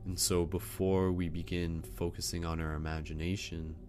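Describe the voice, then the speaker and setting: A man narrating a guided sleep meditation like a sleep story narrator, soothing and gentle, with unhurried pauses. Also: low-pitched, little pitch movement, a little hiss or hum. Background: prominent music.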